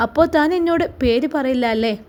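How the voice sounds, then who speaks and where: A woman's voice: high voice, quick pace, a little mellow, natural voice. A woman doing a teasing young man. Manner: playful, teasing.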